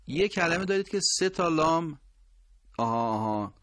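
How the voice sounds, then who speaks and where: A man teaching Quran recitation who explains patiently and corrects mistakes, slowly drawing out each example word. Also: on the high side, expressive, a bit bright, no room sound, studio quality. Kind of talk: instructional explanation with drawn-out pronunciation examples.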